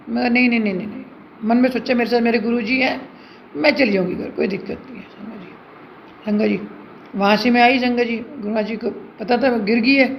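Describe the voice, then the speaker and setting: A woman's voice: on the high side, gravelly. A middle-aged woman giving an earnest devotional testimony and addressing her listeners again and again. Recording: dull lo-fi recording with faint hiss.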